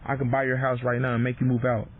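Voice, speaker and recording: A man's voice: medium pitch, monotone, quick pace. A man arguing defiantly outdoors at a front door, lecturing and repeating himself, caught on a doorbell camera. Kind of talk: argumentative street talk. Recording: noisy, thin phone-like doorbell camera audio.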